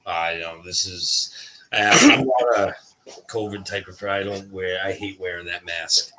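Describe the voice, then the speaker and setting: A man, a ball python breeder appearing as a guest on a livestream, chats colloquially in a deep, sing-song voice at a measured pace, rambling and interrupting himself. He can't pronounce R and says W in its place. The recording is rough, with crowd noise.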